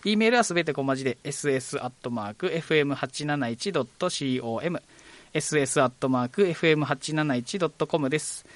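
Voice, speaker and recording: A man's voice: fairly high pitch, lively intonation, fast, dry recording. A man hosting a live local radio talk show, polite and chatty with frequent fillers. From Kagoshima, Japan.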